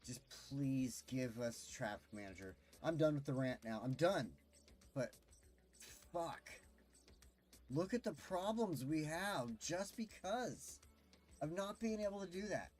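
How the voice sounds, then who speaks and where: A man's voice: on the high side, expressive, measured pace, a little mellow, soft background music. A man streaming a city-building game, delivering an impassioned, pleading rant with swearing. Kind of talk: ranting gameplay commentary.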